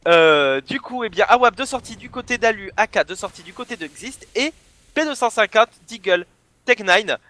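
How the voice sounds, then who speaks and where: A man from the south of France, casting an esports match solo and bursting into shouts on big plays. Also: high voice, lively intonation, moderate pace. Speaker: esports caster. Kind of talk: solo play-by-play commentary.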